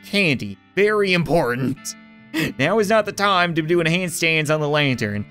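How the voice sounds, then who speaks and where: Animated man doing game commentary over guitar music. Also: a little high, normal speed. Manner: theatrical, wry asides. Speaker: gaming video host. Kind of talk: game playthrough commentary, reading text aloud.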